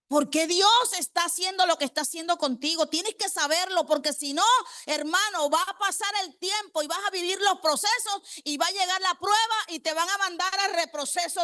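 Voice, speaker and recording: A woman's voice: very high-pitched, a bit bright, no echo, clean studio sound. A woman preacher delivering a congregational sermon. She quizzes the congregation with rhetorical questions and repeats key phrases for emphasis.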